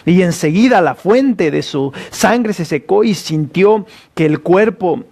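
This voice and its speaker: A pastor preaching a sermon at a church service, reading scripture aloud with fervent conviction. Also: male voice, high voice, lively intonation, takes it slowly, a little mellow.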